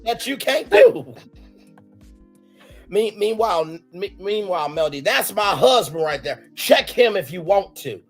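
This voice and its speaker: A man co-hosting a casual chat that recaps a reality show. He swings between low mutters and loud, high exclamations. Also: animated, moderate pace, few pauses, faint music behind. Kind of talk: casual gossip chat with impressions.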